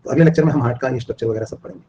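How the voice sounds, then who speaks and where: A man's voice: mid-range voice, racing, mellow, highs cut off, a little hiss or hum. A man teaching a live online biology class, repeating and drilling his points and asking students questions. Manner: repetitive, drilling explanations, asks students questions.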